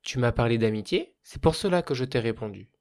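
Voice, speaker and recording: A man's voice: mid-range voice, animated, fairly quick, darkish tone, lightly acted. A man voicing a small, moody fire spirit who grumbles at first and later bursts with childish joy. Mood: gracious.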